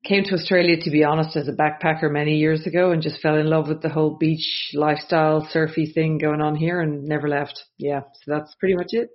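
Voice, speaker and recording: A woman's voice: sits low, little pitch movement, fairly quick, few pauses, highs cut off. A woman from Ireland, speaking upbeat as an interview guest. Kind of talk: remote interview conversation.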